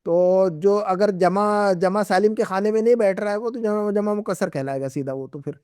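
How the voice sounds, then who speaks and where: A man's voice: high voice, brisk, a little mellow, smooth, dry recording, clean studio sound. A middle-aged man teaching an Arabic class, patiently repeating and drilling words with his students. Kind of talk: classroom lesson.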